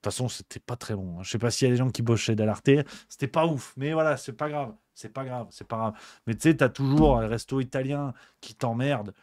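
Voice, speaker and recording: A man's voice: medium pitch, brisk, darkish tone, dry recording, clean studio sound. Exasperated ranting male host. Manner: exasperated, swearing, repetitive grumbling. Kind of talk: comedic rant on a livestream show.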